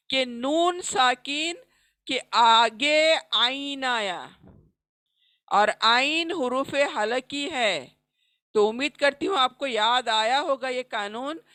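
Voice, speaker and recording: A woman teaching recitation in an online class, explaining each rule and then reciting the example slowly. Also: on the high side, a bit bright, dry recording. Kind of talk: recorded online lesson.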